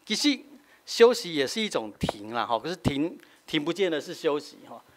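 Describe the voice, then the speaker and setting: Middle-aged Taiwanese-accented pastor, teaching sermon, slightly high and very animated delivery, habitual "hah" tags. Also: male voice, normal speed, a little hiss or hum. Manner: explanatory, frequent filler "hah" tags, switching between Taiwanese and Mandarin.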